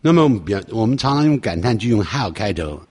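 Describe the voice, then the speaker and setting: A husky, fairly low-voiced man explains song lyrics line by line in a lesson. His pitch moves a lot as he stresses points and slows down for each English phrase. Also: very animated, a little mellow. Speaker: English teacher.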